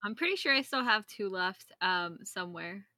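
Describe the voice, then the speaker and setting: A woman's voice: medium pitch, lively intonation, normal speed, bright, forceful tone, no room sound. A woman chatting casually on a podcast, easygoing and laid-back. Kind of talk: casual chat.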